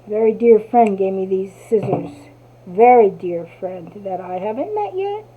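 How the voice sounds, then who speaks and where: Heard through tinny, phone-like audio, a woman with a mid-range voice speaks in an animated, unhurried way. She hosts a craft tutorial, a New Jerseyan with a Jersey accent who chats to herself as she casually works through the demonstration.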